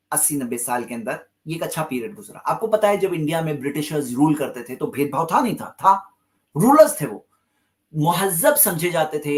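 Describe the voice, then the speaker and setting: A man giving a religious lecture, emphatic and repeating key phrases for stress, with English terms mixed into his speech. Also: fairly high pitch. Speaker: Islamic lecturer.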